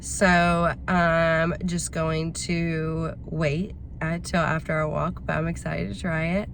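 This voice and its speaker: Slightly raspy woman vlogger over background noise. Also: sits low, flat delivery, takes it slowly. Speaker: vlogger hosting a week-in-my-life video. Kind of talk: casual chat to camera. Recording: clear background noise, ambience.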